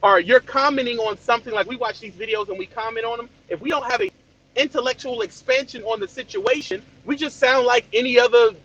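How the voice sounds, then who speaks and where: A man's voice: very high voice, brisk, fairly bright tone, highs cut off. A man hosting a podcast over a remote call, talking passionately and often repeating words as he starts a point. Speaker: podcast host. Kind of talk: casual podcast discussion.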